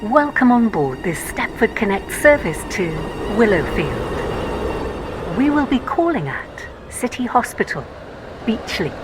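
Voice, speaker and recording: Woman's slow automated train announcement. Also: a little high, huge pitch swings, loud music behind the voice. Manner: slow, measured, evenly spaced phrases. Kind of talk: recorded public announcement.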